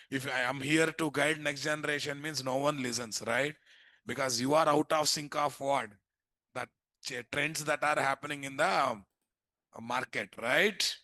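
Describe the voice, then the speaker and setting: A man's voice: mid-range voice, bright, forceful tone, dry recording. A man with an Indian accent lecturing to students as an instructor, prompting them with repeated questions that he often answers himself. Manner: prompting, repetitive, asks and answers his own questions. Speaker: programming instructor.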